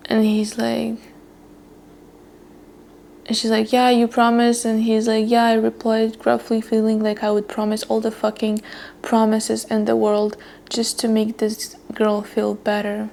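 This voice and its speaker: A woman's voice: a little high, completely flat delivery, a little slow, vocal fry, a little mellow, a little hiss or hum. A young woman chatting casually on camera as she reads a romance novel, retelling the characters' lines in a chatty way and laughing often. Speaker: book vlogger. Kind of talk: casual read-along commentary.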